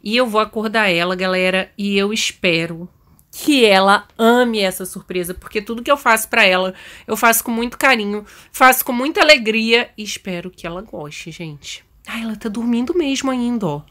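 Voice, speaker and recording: A woman's voice: medium pitch, normal speed, bright, forceful tone. A Brazilian woman hosting a gaming channel, chatting casually to viewers while playing a mom in a game role-play. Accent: Brazilian Portuguese. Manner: chatty, addresses viewers directly.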